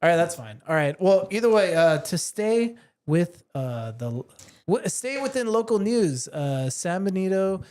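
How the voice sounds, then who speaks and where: A man's voice: sits high, very animated, a little slow, darkish tone, clear, resonant tone. A man co-hosting a casual local news podcast, joking and laughing often. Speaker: podcast co-host.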